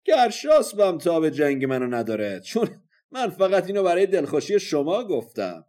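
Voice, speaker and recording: A man voicing a boastful enemy champion warrior in a storytelling recording, shouting loud bragging challenges. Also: fairly low pitch, steady tone, lightly acted.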